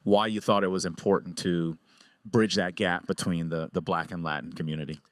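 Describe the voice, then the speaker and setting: A man's voice: sits low, steady tone, a little fast, dry recording. A man hosting an interview, asking questions in a friendly, conversational way.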